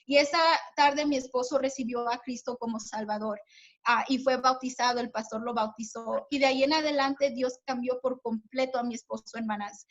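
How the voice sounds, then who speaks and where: A woman's voice: fairly high pitch, steady tone, normal speed, lo-fi sound. A woman speaking as guest at a women's church meeting, giving an earnest personal testimony, with many fillers and restarts, speaking to her listeners as sisters. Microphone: video call.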